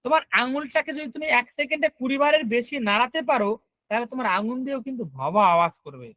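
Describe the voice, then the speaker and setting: A man's voice: very high voice, expressive, racing, bright, forceful tone, dry recording, poor audio. A man teaching an online class, explaining step by step and often checking whether students follow.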